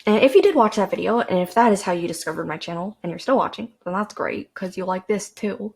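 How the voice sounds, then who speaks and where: A woman's voice: medium pitch, animated, fast talker, gravelly, a little mellow, husky. Chatty young Canadian woman rambling. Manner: chatty, self-deprecating, with fillers and restarts. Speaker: podcast host. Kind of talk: casual rambling monologue. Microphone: desk microphone with a cord.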